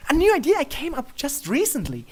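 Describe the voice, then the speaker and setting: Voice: high-pitched, huge pitch swings, fairly quick, pitched above the performer's own voice. A narrator voicing a female pony princess in a story reading, playful, smug and flirty, with a coy regal manner. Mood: proud, playful.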